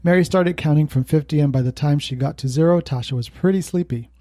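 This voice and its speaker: A man's voice: a little high, fast, mellow, dry recording. A male podcast co-host telling a spooky story in casual chat, laughing now and then. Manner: laughs while telling a creepy tale.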